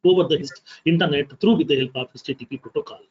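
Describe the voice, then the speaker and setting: A man's voice: a little high, fast talker. A man teaching programming in an online lecture, his voice dropping out and breaking up over a glitchy video call. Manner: repetitive, explaining step by step. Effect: choppy, breaking-up video call audio. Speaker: programming instructor. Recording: muffled lo-fi video call audio.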